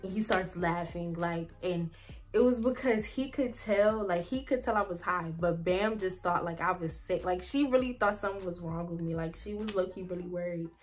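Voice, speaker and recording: With faint music behind her, a young woman speaks at normal speed in a lowish voice. She's doing a chatty, rambling storytime vlog, leaning hard on "like" and calling her viewers "y'all."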